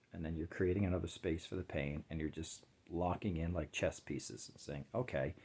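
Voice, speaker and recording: A man giving a slow, reflective spiritual talk on meditation, sometimes dropping to a near-whisper. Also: sits low, vocal fry, mellow. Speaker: spiritual teacher.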